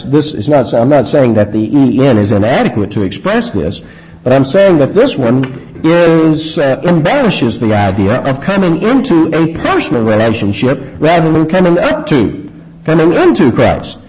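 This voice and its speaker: A man preaching an expository sermon, emphatic and vivid, stressing key words with rising pitch. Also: a little mellow, dull audio.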